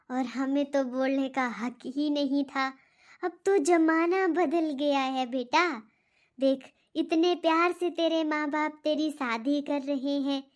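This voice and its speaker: A woman voicing a stern, nosy old grandmother who lectures slowly in a cartoon. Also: sits high. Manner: slow, lecturing, reminiscing. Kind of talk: cartoon voice acting.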